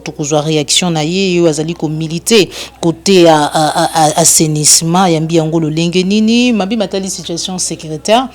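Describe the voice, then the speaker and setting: A woman's voice: on the low side, a little mellow. A Congolese woman hosting a TV interview, mixing Lingala and French in formal introductions. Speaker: TV show host. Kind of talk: studio interview.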